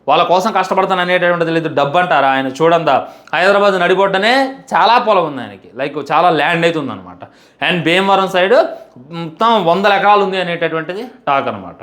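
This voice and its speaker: A young man delivers a heartfelt fan monologue, stacking up repeated phrases and pleading with the audience. His voice sits a little higher than most men's. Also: lively intonation, fairly quick, fairly bright tone. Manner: emphatic, repetitive, pleading. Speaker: fan commentator.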